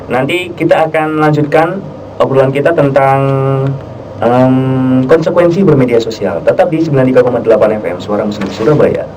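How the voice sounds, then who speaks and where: A man's voice: medium pitch, brisk, a little mellow. A man presenting a radio talk show conversationally, polite and deferential, with somewhat hesitant phrasing. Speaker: radio host. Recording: slightly distant mic, faint noise.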